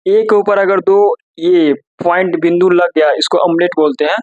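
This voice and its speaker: High-voiced man teaching letters. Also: fairly even intonation, dry recording, narrow, tinny audio. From India. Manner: repetitive, asks and answers own questions, spells letters slowly. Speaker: language teacher. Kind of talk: casual spoken lesson.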